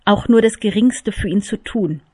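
A woman reading a novel aloud, in measured, expressive storytelling. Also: mid-range voice, husky, no echo, clean studio sound. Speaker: audiobook reader.

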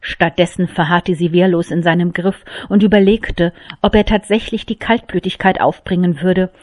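A woman reading a novel aloud, in measured, expressive storytelling. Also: fairly low pitch, no room sound, clean studio sound. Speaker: audiobook reader.

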